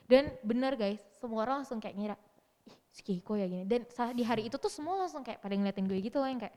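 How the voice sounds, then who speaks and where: A young woman telling a story in lively, slangy casual chat, acting out what people said. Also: a little high, quick pace, long reverb tail. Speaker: interview guest.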